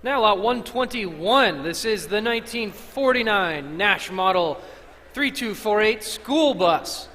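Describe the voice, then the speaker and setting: A man's voice: high voice, lively intonation, slow, pushed and bright. A man announcing auction lots, reading out scripted descriptions of each item. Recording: echoey auction hall.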